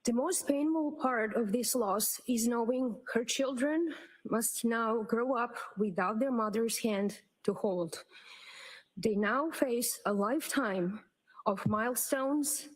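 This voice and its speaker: A woman in a courtroom recording, reading a prepared impact statement at the witness stand in a measured, solemn way. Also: on the high side, low-quality recording. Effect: courtroom audio feed played on a livestream. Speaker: victim's sister giving an impact statement.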